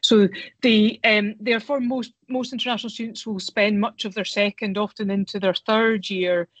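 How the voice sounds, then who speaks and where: A woman's voice: medium pitch, fairly even intonation, normal speed, dry recording. A woman fielding questions in a webinar, talking with frequent ums and restarts. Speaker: academic panelist hosting a webinar. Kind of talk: webinar Q&A talk.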